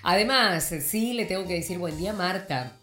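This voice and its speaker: A morning radio host with an Argentine Spanish accent speaks from the studio in a lowish, expressive voice at a moderate pace. The room echoes and faint music plays behind her as she greets listeners warmly and rambles with plenty of fillers and restarts.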